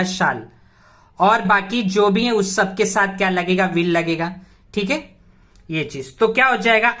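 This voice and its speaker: Woman teacher, mid-pitched, explains grammar slowly with repeated check-in questions. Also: fairly bright tone. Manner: patient, repetitive, asks checking questions. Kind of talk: explaining a lesson.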